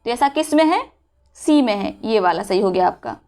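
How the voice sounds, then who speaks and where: A woman's voice: medium pitch, lively intonation, normal speed, a little mellow. A woman teaching a spelling lesson for exam preparation, explaining step by step and asking and answering her own questions. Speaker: Hindi teacher.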